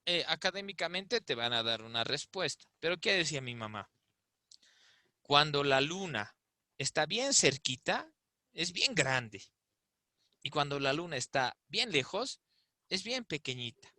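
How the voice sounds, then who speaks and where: A man's voice: a little high, sing-song, unhurried, pushed and bright, dry recording. A man giving an explanatory talk in a discussion, often asking rhetorical questions. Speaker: invited speaker. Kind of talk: conversational talk in an online discussion.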